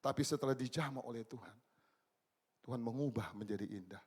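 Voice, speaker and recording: A man in his sixties preaching a church sermon, swinging between loud exclamations and low, quiet asides. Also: a little fast, husky. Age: 60s. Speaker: pastor. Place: church service.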